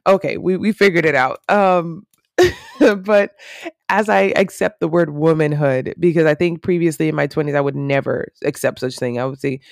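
A woman's voice: low-pitched, moderate pace, vocal fry, no echo, clean studio sound. A woman in her thirties hosting a solo podcast, talking in an earnest, reflective and rambling way with many fillers. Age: 30s. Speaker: podcast host.

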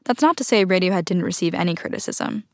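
Low, gravelly woman host, dry sound. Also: fast talker, no room sound. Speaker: host, narrator. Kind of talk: scripted narration and interviewing.

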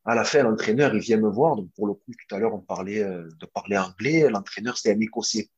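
This young man, a former footballer guesting on an interview, spins an animated, casual story at a fairly quick clip. The lo-fi sound carries a lowish, faintly husky voice. He stumbles often, filling pauses and starting sentences over, but the tale keeps going.

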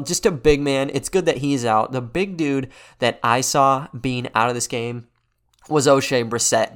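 A man hosting a sports podcast, giving a casual, conversational game recap in a quiet but clear voice. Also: medium pitch. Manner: conversational, loosely unscripted. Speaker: podcast host.

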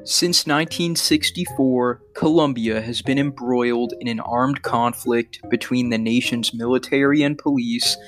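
Man, history podcast host, scripted narration, measured and earnest, faint guitar behind. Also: medium pitch.

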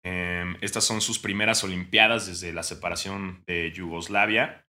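Man, Mexican accent, young adult, podcast co-host, casual joking chat, bright tone. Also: sits low, fairly even intonation, normal speed. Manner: joking, bursts into mock shouting.

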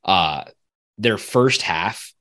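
A man's voice: deep voice, lively intonation, drawn-out words, bright, forceful tone. A man hosting a casual sports podcast, chatting informally. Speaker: podcast host.

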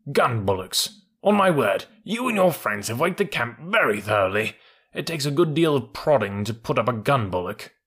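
A man voicing a gruff, bossy old male army mule in a storybook, scolding in a brisk way. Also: medium pitch, sing-song, a bit bright, exaggerated voice.

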